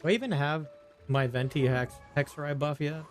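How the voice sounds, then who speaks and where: A man with a fairly high voice talks a little fast during a casual live game stream, with soft music in the background. He rambles along, half to himself and half to the people watching.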